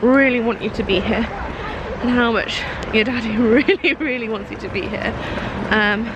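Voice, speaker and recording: A woman's voice: a little high, normal speed, highs cut off, a crowd in the background, noisy background. A young woman, heavily pregnant and out of breath, chatting on camera in a giggly, self-mocking way. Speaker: vlogger. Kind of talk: casual vlog chat. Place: outdoors on a rainy walk and at home.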